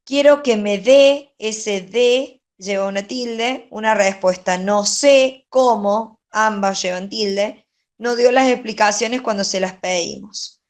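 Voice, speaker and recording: Patient teacher, unhurried, mid-pitched woman going over exercises. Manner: patient, checks in with "¿sí?". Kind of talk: grammar lesson, going over answers. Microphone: online class.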